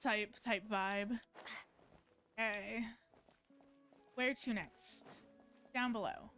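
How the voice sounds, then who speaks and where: Over soft background music, a woman streams a game, giving casual, colloquial commentary that rambles, hedges frequently, and often breaks off mid-thought. Her mid-range voice is steady with a sharp tone, and she speaks extremely slowly.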